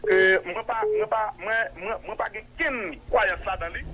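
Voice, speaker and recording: Male caller, high-pitched, indignant and halting, heard over a telephone line. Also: pushed and bright.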